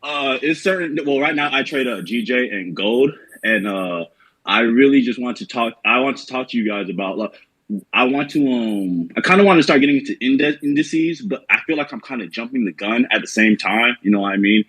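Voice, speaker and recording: Atlanta dude calling in, kinda unsure, lots of uh and like, slangy. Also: male voice, medium pitch, lively intonation, fairly quick, fairly bright tone, husky, poor audio. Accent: Southern US (Atlanta). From Atlanta, USA. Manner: hesitant, many fillers and restarts, slangy. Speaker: caller asking for advice. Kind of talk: casual chat.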